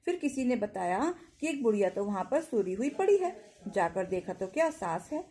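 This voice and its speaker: A woman's voice: mid-range voice, big pitch swings, moderate pace, mellow. A woman narrating a devotional folk tale in a sing-song storytelling manner with village-style speech.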